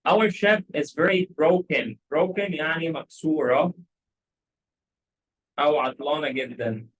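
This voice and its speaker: A man with an Egyptian Arabic accent teaching English, who reads story lines slowly and then explains them in quick Arabic with repeated check questions. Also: on the high side, rough recording.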